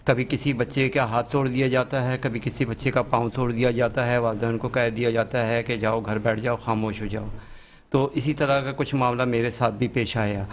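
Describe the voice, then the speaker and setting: A man's voice: medium pitch, level tone, slight background noise. A man, the father of a schoolboy, answering on a TV talk show, earnest and insistent and addressing the host as sir. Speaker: father of a pupil, studio guest. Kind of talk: TV interview answers.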